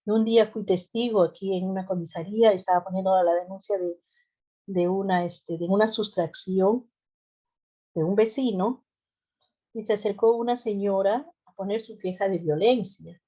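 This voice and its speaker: A woman from the central highlands of Peru with an accent from that region, giving a conversational lecture as a health care trainer, with fillers and rhetorical questions. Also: moderate pace, mellow. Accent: Peruvian central highlands Spanish. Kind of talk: classroom lecture.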